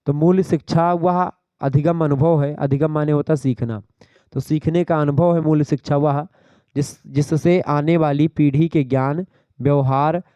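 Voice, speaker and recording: Mellow-voiced male teacher revising for exams. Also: on the high side, steady tone, normal speed, smooth, no echo, muffled recording. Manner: explains terms and checks understanding with the class. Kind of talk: exam revision lecture.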